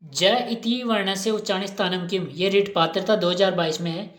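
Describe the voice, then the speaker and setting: A woman's voice: lowish voice, fairly even intonation, brisk. A woman teacher giving an exam-prep lesson, asking questions and repeating each answer aloud. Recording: roomy echo.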